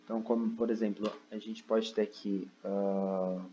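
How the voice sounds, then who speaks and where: A man's voice: on the low side, level tone, moderate pace, mellow, lo-fi sound, a little hiss or hum. A man explaining a lesson from his computer, constantly checking in with "né?" and "ok?". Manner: explaining step by step, frequent "né?" and "ok?" checks. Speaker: teacher. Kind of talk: recorded online lesson. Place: seated at a computer indoors.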